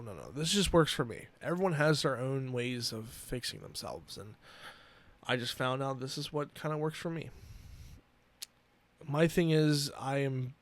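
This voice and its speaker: A man in his twenties hosting a solo podcast, earnest and emotional, talking haltingly with many restarts. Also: mid-range voice. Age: 20s. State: emotional, near tears. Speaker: podcast host. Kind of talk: personal solo podcast talk.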